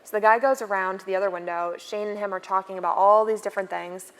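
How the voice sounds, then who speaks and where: A woman's voice: medium pitch, fairly even intonation, quick pace. A woman in her twenties telling a story on a conference stage in a chatty, playful way. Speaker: keynote co-speaker. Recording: long reverb from the hall.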